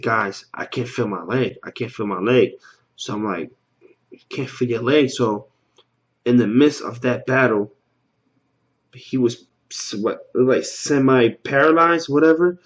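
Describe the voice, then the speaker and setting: A man's voice: mid-range voice, dull audio. A man casually recapping a TV episode, rambling, stumbling over words and repeating himself, with loose slangy talk. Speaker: TV episode reaction vlogger.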